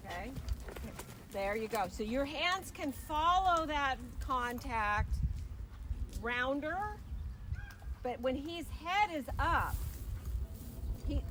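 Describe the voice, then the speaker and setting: Woman riding coach, highish voice, calling out brisk commands n encouragement, noisy arena w hooves clopping. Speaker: horse riding instructor. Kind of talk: coaching a rider during a lesson, calling out short commands. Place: riding arena among horses. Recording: noisy, with hoof clip-clop and ambience.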